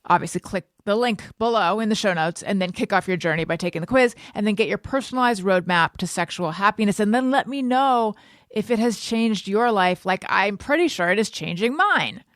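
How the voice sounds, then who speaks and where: A woman hosting a podcast in a brisk, playful way, reading out plugs and bantering. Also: medium pitch, expressive, dry recording, studio quality. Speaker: podcast host. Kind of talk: casual chat and announcements.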